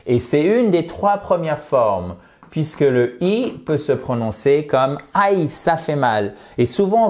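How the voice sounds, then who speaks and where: A man teaching English pronunciation to French speakers, talking straight to the viewer, often checking "ok?", and saying English example words slowly and with emphasis. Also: mid-range voice. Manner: lively, addresses viewers directly, checks with "ok?" and "d'accord?". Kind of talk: online lesson, explaining to viewers.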